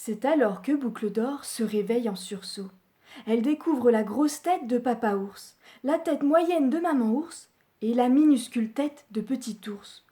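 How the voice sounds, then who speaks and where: A woman librarian reading a children's story aloud at home, expressive storytelling. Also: a little high, a little slow.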